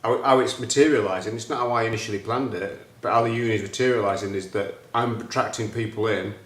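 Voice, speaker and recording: A man, hosting a casual chat and talking about his plans in an animated, excitable way. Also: fairly low pitch, quick pace, reverberant. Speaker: host.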